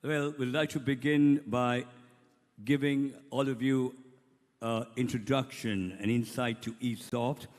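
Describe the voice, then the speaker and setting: A man's voice: mid-range voice, fairly even intonation, measured pace. A man with a Sri Lankan accent speaking formally as master of ceremonies, making scripted announcements at a ceremony. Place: large hall, over a PA system. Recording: echoey hall with long reverb.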